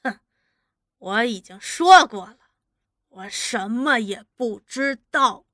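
A woman's voice: fairly high pitch, slow, fairly bright tone, no room sound, studio quality. A woman doing a stubborn defiant old man. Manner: curt, scornful, unyielding.

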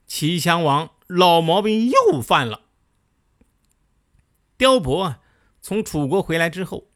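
A man telling a history story in a lively, colloquial way, full of chatty asides. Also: fairly high pitch.

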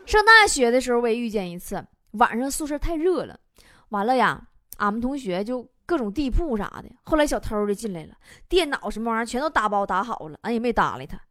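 Lively high-voiced woman. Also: fast talker, no echo, studio quality. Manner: lively, laughs often, acts out quoted voices. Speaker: radio comedy host. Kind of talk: reading funny listener anecdotes.

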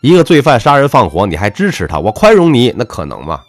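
A deep-voiced man delivers a motivational monologue in a lecturing, emphatic way. His pitch swings widely, jumping up on key words and sinking low at the ends of phrases. The recording is close and dry, with faint music underneath. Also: wildly swooping pitch, fast talker, no room sound. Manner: emphatic, lecturing, swings between punchy highs and dropped low endings. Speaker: self-help speaker. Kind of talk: motivational monologue with personal anecdote.

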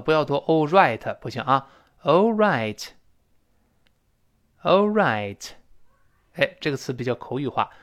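Man teaching spoken English, slow drills. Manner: explains slowly, drawls sample phrases to show linking sounds; acts out both sides of a short dialogue with lifted pitch. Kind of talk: recorded audio lesson.

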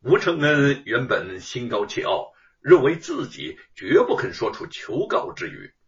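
A man's voice: medium pitch, very animated, unhurried. A man telling a traditional story in a dramatic, sing-song narration. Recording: dull recording from far off.

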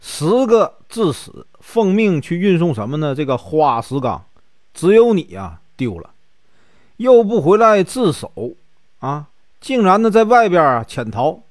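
A man voicing a stern high official who scolds a petitioner. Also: very animated, measured pace, no room sound, clean studio sound. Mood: scolding.

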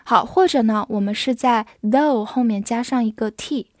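A woman with a slightly high voice teaching English vocabulary to Chinese speakers. She spells each word out letter by letter and reads the example sentences slowly and clearly. The sound is close and dry, with no room echo. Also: darkish tone. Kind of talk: scripted vocabulary lesson.

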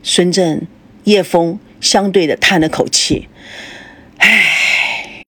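A woman's voice: lowish voice, fairly even intonation, unhurried, fairly bright tone, breathy edge. A woman narrating a serialized audio story as its host, reading expressively.

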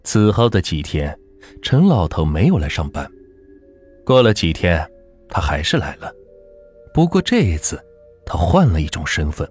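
A man narrating a folk ghost story as the channel's host, in a dramatic, lively storytelling manner. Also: low-pitched, breathy edge.

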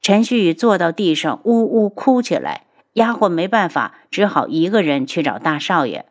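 Low-voiced woman narrating a novel. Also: animated, moderate pace. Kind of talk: audiobook narration of a web novel.

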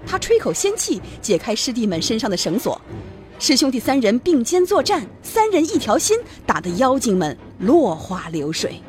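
A woman narrating a children's story in an expressive, lively way. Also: fairly high pitch, moderate pace, faint music behind.

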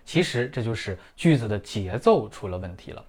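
A middle-aged man, a native Chinese speaker, teaching German pronunciation in a clear, methodical lesson full of everyday comparisons. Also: on the low side, sing-song, normal speed, a little mellow. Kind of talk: scripted lesson in Mandarin.

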